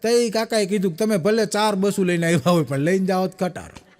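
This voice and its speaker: A man's voice: sits high, heavy background noise. A man doing stand-up comedy, rattling off one-liners and acting out the dialogue in his stories. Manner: rapid joke-telling with quoted dialogue. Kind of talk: stand-up comic storytelling.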